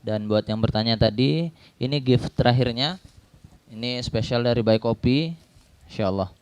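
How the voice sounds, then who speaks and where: A man's voice: mid-range voice, normal speed, a little mellow, clear, resonant tone, dry recording. A man hosting a talk event, wrapping up with announcements and frequent hesitations. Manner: hesitant with fillers. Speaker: event host. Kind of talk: closing announcements.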